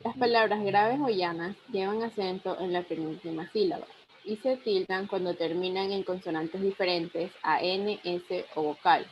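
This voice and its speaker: A woman's voice: on the low side, moderate pace, a little hiss or hum. Young woman reading a class presentation. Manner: reads steadily, listing example words one by one. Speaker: university student presenter. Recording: dull lo-fi recording.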